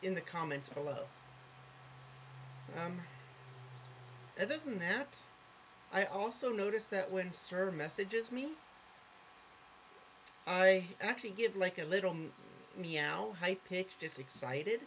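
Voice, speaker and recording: A woman's voice: mid-range voice, expressive, a little slow, long pauses, slight background noise, rough recording. A woman talking casually to camera in a vlog monologue. She rambles, corrects herself often and gets sidetracked, with an earnest, openly affectionate manner. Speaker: vlogger.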